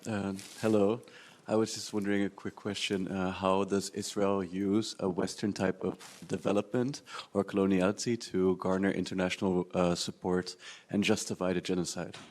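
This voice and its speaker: A man with a very deep, flat voice puts a short question to the speaker. He sounds hesitant but polite, and a faint hiss sits behind him. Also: normal speed. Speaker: audience member asking a question.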